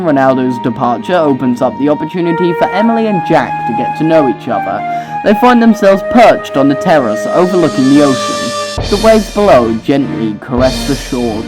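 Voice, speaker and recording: A young storyteller reads their own fan story aloud, then breaks off for casual, sweary asides. they talk at an even, middling pitch, with soft music playing faintly behind. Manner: casual, self-mocking, swears often. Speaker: author narrating own audiobook. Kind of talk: storybook narration with joking commentary.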